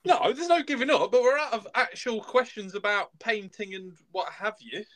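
Sweary, sarcastic man, higher voice. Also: normal speed, a bit bright. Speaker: guest co-host. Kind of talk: casual chat.

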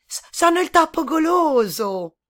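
Lady doing a squeaky little greedy mouse, super high, kids story. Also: big pitch swings, unhurried, fairly bright tone, exaggerated voice. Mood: delighted. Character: tiny greedy squeaking field mouse, male.

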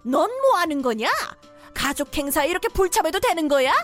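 A woman plays a domineering middle-aged mother-in-law in a cartoon story drama, scolding without letup in a high voice. Soft music plays under her lines. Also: animated, fairly quick. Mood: furious.

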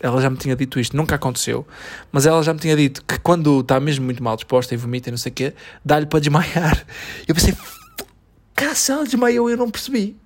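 A man with a European Portuguese accent, telling a story in lively casual chat and arguing back. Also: medium pitch, fast talker. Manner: animated storytelling, argues back.

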